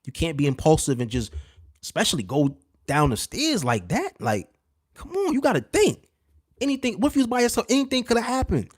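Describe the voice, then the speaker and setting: A man in his thirties or forties hosting a livestream, telling stories in an animated, streetwise way, filling his talk with "you know what I'm saying" asides and dropping to a hushed voice at tense moments. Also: fairly quick, slightly rough, no echo, studio quality. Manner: drops to a hushed, low voice when retelling tense moments. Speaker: livestream host. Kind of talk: casual storytelling to a live chat.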